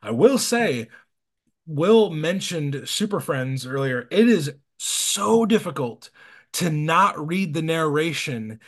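A man's voice: fairly high pitch, takes it slowly. A man hosting a podcast, steering a casual comic discussion with questions to his guests. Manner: leads the talk with questions to his guests, animated. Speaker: podcast host.

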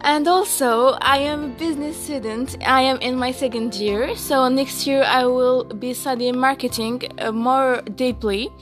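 Teen woman from Morocco, slow casual podcast chat, higher voice, faint music behind. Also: fairly even intonation. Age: late teens. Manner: slow, giggly, many fillers and restarts. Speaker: podcast co-host.

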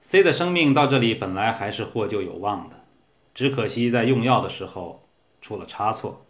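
A man narrating a humorous short story in a steady, measured reading. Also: fairly low pitch.

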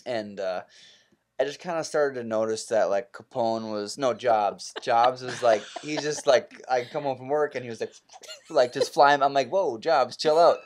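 A young man hosts a relaxed podcast chat and keeps it light with joking, teasing remarks. He tells stories at an easy conversational pace. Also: mid-range voice, normal speed, a little hiss or hum. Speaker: podcast host. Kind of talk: casual chat.

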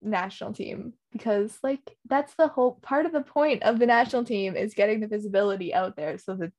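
A woman's voice: medium pitch, fairly quick, a little mellow. A woman hosting a casual podcast chat about hockey news, talking chattily with lots of fillers and laughs. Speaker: podcast host.

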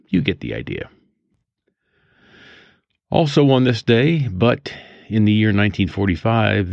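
Musing older man, low dull-sounding voice. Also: no echo. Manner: musing, digressive, chuckles while reminiscing. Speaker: podcast host. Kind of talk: casual daily almanac monologue. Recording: dull lo-fi dry recording.

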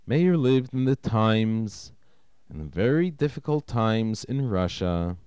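A man tells a story slowly and with care, his voice rising and falling to give each moment weight. His tone is dark and mellow, and the recording is dry and close, with no room echo. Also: on the low side, smooth. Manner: slow, expressive, dramatic storytelling. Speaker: rabbi. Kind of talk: storytelling narration.

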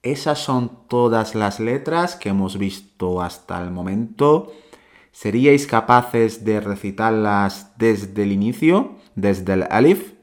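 A man's voice: on the low side, lively intonation. A man, hosting a language lesson podcast and patiently repeating sounds for learners. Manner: slow, patient, drills sounds by repeating them. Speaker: Arabic teacher, podcast host.

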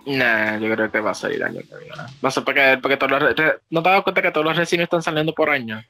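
A man's voice: medium pitch, very fast, gravelly, pushed and bright, soft background music. A man chatting casually about video games, constantly mixing English phrases into his Spanish and swearing freely.

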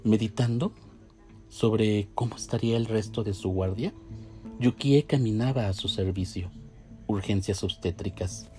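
Man reading a story aloud, low warm voice, steady pace, soft music in the background. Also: a little slow. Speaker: narrator. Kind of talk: storybook narration. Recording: faint music behind.

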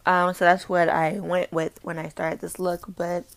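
Chatty woman with a gravelly low voice. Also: normal speed. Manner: chatty, rambling, expressive, playful asides. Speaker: makeup podcast host. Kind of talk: casual chat.

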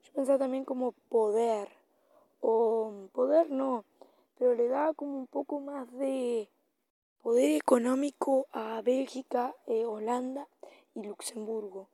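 High, mellow woman podcaster, closely recorded. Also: steady tone, unhurried, no echo. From Latin America. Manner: improvised, hesitant, self-correcting delivery. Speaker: podcast host. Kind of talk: informal solo podcast commentary.

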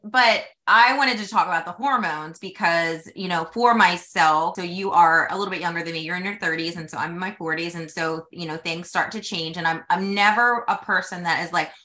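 Host, woman in her 40s, bright tense voice, rambling casual chat. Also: on the low side, a little fast, few pauses. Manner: chatty, rambling, many fillers. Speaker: podcast host.

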